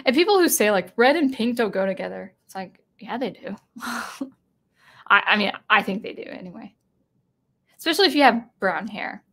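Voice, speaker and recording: A woman's voice: mid-range voice, expressive, moderate pace, a bit bright. A tired woman chatting casually on a live stream, reading chat and rambling through thoughts with many restarts. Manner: rambling, self-interrupting, chuckling.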